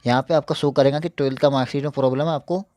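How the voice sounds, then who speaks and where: A man's voice: medium pitch, fairly even intonation, racing, darkish tone, no room sound, studio quality. A young man hosting a casual screen-share tutorial, repeating points and reassuring viewers, slightly hampered by a mouth ulcer. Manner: repetitive, reassuring, keeps checking in with listeners. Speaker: YouTube tech channel host.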